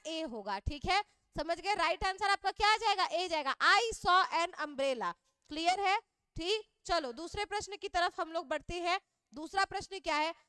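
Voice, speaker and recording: A woman's voice: very high-pitched, pushed and bright, no room sound, clean studio sound. A woman teacher explaining grammar to students. She keeps asking questions and checking whether they understand.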